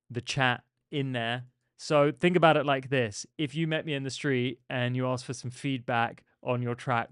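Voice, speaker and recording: A man's voice: mid-range voice, clean tone, dry recording, studio quality. A man hosting a music feedback live stream, chatting and joking with his viewers in a casual way. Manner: chatty and jokey, talking to viewers in chat.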